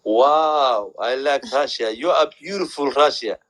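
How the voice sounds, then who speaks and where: A man from Somalia chatting on a video call, speaking halting, broken English and repeating his words. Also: mid-range voice, a bit bright. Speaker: video chat caller. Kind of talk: casual video chat with strangers.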